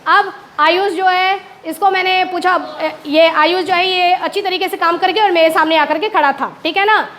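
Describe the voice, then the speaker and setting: A woman's voice: extremely high pitch, moderate pace, a bit bright. A woman teacher explaining proverbs to a class of pupils, repeating each point and checking often that they follow.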